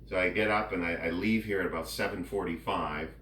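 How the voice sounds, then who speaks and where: Low-voiced man chatting casually, roomy sound. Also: fairly even intonation, fairly quick, fairly bright tone. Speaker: vlogger giving a personal health update. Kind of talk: casual chat. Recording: roomy, distant mic, faint background noise.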